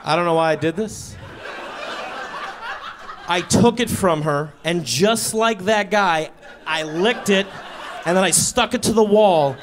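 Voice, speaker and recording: A man doing a stand-up comedy set on stage, telling a story with lively delivery and acting out the voices of the people in it. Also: high-pitched, a little slow, pauses often, noisy background. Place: comedy club stage before a live audience.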